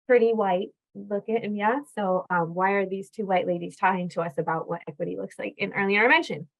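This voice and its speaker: A woman from California presenting a professional webinar in a conversational way, with frequent fillers. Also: medium pitch. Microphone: video call. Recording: dull lo-fi webinar audio.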